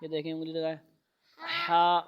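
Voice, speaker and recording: A man teaching a Quran reading lesson in a classroom, patiently calling out letter sounds loudly and explaining how each one is made. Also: fairly high pitch, flat delivery, smooth, lo-fi sound. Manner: patient, repeats letters loudly for students to echo.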